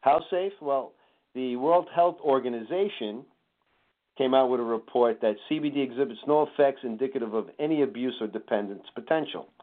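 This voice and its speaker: A man speaking as a chiropractor guest on a radio show, explaining in a friendly way with jokey asides. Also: medium pitch. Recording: tinny phone-line sound.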